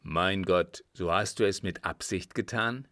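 A man's voice: sits low, unhurried, sharp tone, no echo, studio quality. A man reading aloud, voicing a frightened young son who pleads urgently with his dying father. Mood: alarmed.

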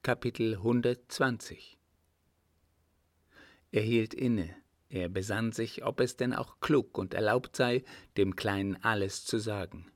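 A man reading a classic novel aloud as an audiobook narrator, steady and unhurried. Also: fairly low pitch, no room sound, studio quality. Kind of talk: scripted narration.

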